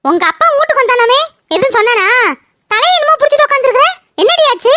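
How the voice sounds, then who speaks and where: A woman's voice: extremely high pitch, animated, pushed and bright, slight background noise, heavily acted. A woman voicing an indignant young village wife and mother in a cartoon. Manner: indignant, protective, quick retorts. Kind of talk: cartoon voice acting.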